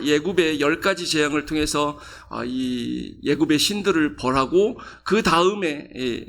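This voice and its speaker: Gravelly-voiced male pastor preaching. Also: a little high, fairly bright tone. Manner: conversational preaching with quiz questions to the congregation; acts out quoted voices with rising emphasis. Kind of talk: sermon.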